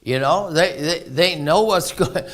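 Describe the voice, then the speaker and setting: A man's voice: fairly high pitch, measured pace, fairly bright tone. A man preaching a folksy sermon full of anecdotes. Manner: folksy, anecdotal, laughs often. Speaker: pastor.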